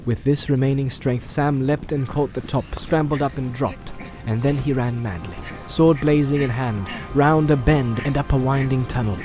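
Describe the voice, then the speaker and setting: A man narrating an audiobook in a measured storytelling manner. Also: mid-range voice, music in the background. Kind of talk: scripted narration.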